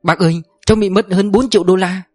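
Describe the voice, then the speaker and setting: Guy playing a panicky young worker, voice pushed up high, urgent and breathless. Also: fast talker, darkish tone, slightly rough, no echo, faint music behind. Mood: panicked. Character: panicked young male employee.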